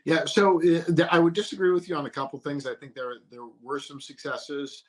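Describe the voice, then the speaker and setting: A man who is an author, answering interview questions in a measured, hesitant way with many fillers. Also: fairly high pitch, little pitch movement. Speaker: author guest.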